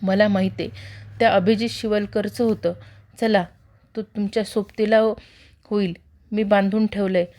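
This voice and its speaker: A woman voicing a gruff but kind old man of about sixty who scolds curtly. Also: medium pitch, little pitch movement, moderate pace, pauses often, dark tone, natural voice. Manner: scolding, curt.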